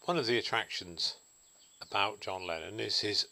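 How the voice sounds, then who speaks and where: A man talks alone to his audience in a reflective vlog monologue, thinking things through as he goes. His voice sits a little low but has a bright, forceful edge. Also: normal speed, vocal fry. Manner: musing, thoughtful. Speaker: vlogger.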